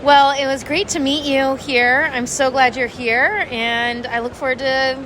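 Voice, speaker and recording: A woman's voice: sits high, steady tone, a little slow, a bit bright, low-quality recording. A woman hosting casual on-site interviews at a conference event. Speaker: interviewer, host. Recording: music and event noise behind. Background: music.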